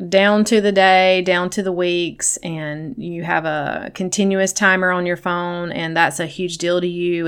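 A woman's voice: fairly low pitch, a bit bright, clear, resonant tone. A middle-aged woman hosting a podcast, talking casually and personally in an earnest, encouraging manner to women listeners. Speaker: podcast host and coach.

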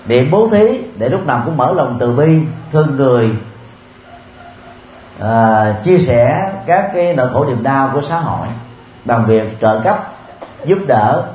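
A man delivers a Buddhist dharma talk in a steady, measured manner, pausing often with soft filler sounds. His voice sits in an echoey room with faint background noise. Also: mid-range voice. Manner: measured, with frequent filler pauses. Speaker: Buddhist teacher. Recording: roomy with faint ambient noise.

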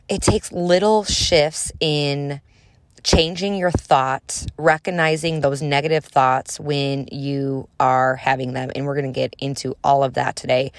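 A woman speaks as a podcast host in a low-pitched voice, chatty and encouraging. The sound is dry and close, with an easy conversational flow. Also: no room sound. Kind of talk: casual solo podcast talk.

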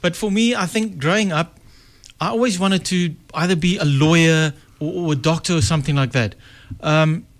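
A middle-aged man with an Afrikaans South African accent speaks in a slightly high voice at a moderate pace, barely pausing. He's a success strategist appearing as a guest in a casual interview, telling his story in a chatty, reflective way and correcting himself as he goes.

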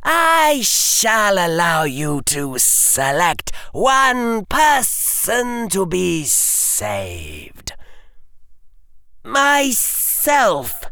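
A reader voicing a cruel, mocking male dark wizard lord who hisses his words slowly and breaks into shouts. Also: medium pitch, vocal fry, no room sound, studio quality, pitched above the performer's own voice, heavily acted. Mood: cold amusement. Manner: hissing, slow and drawn-out, bursts into shouts.

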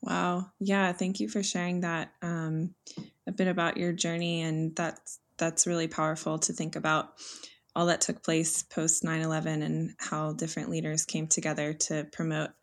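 A woman with a slightly low voice hosts a podcast interview. She introduces guests and asks questions in a friendly way, using fillers as she talks. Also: completely flat delivery, moderate pace. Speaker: podcast host.

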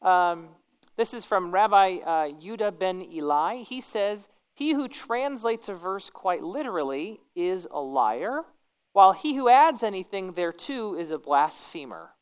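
A woman's voice: medium pitch, very animated, unhurried, clear, resonant tone. A woman pastor with a kindly, conversational manner, teaching an informal church class and correcting herself as she goes. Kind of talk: informal religious lecture and prayer.

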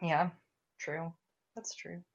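A woman's voice: on the low side, flat delivery, takes it slowly, highs cut off. A young woman hosting a podcast, chatting casually and ranting with frequent swearing. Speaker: podcast host.

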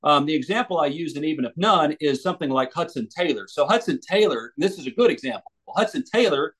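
A man's voice: on the high side, animated, quick pace, husky. American man, earnest interview answers. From United States. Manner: thoughtful, with many restarts and fillers. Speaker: evangelist and author.

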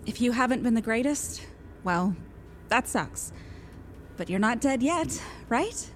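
A brave young woman who talks straight and pushes others on. Her voice sits high. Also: animated, a little slow, a little hiss or hum. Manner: direct, encouraging. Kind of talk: video game voice acting.

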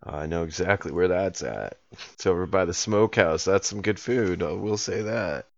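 Low-voiced man in role-play, courteous, dry dull recording. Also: normal speed, creaky, dry recording. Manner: polite, easygoing. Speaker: player. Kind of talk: in-character tabletop role-play.

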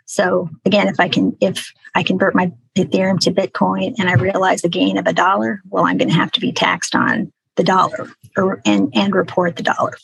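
A woman explains things conversationally as a guest expert. Her voice is very husky with plenty of creak. She keeps a fairly flat pitch range. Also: fairly quick, no room sound, low-quality recording. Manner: explanatory, uses hypothetical examples. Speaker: accountant, podcast guest.

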